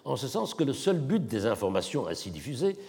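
Male academic lecturer, animated pitch, mid voice, long hall reverb on a lectern mic. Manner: measured, explanatory, demonstrates tones by voice.

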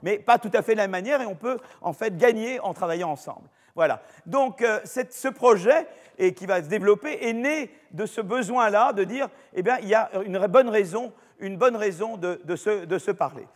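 An older man with a French accent and a fairly high voice for a man lectures a university class in a lecture hall, and a long hall reverb trails behind him. He speaks expressively at a normal speed in a loose, chatty way, often restarting sentences with fillers.

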